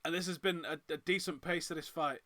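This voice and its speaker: A Manchester man with a fairly high, fairly quick voice hosts a live fight watchalong in a Northern English accent. He keeps up chatty reaction commentary, reads out viewer comments, and gets loud and excited at the big moments.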